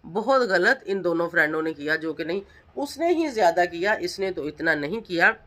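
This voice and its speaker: Emphatic woman vlogger, bright voice. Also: on the low side, animated, normal speed. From Pakistan. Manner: emphatic, accusing, rhetorical questions. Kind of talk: reaction vlog commentary.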